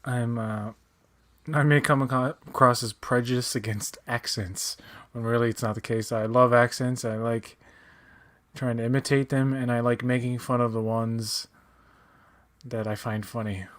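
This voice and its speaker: A man with a wry, deadpan delivery co-hosts a casual watch-along commentary. He rambles through asides and dry jokes. His voice sits at a plain middle pitch. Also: moderate pace. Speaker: co-host.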